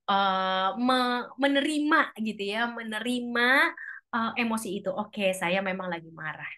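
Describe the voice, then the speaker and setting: A woman giving a casual, chatty talk to a church couples' group. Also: a bit bright. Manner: chatty, acts out quoted lines in a higher voice. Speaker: speaker at a church couples' fellowship.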